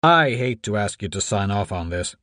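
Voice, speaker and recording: A man's voice: fairly low pitch, expressive, moderate pace, bright, forceful tone, dry recording, clean studio sound. A man voicing a weary, terse male doctor in an audiobook, with clipped lines. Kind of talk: audiobook character dialogue.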